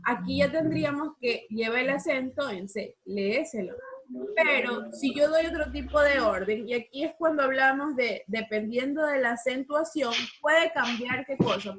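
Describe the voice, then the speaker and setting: Patient woman teaching slowly. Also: high-pitched. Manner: patient, drawn-out, repeats words slowly for students. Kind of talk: online class, explaining accent rules.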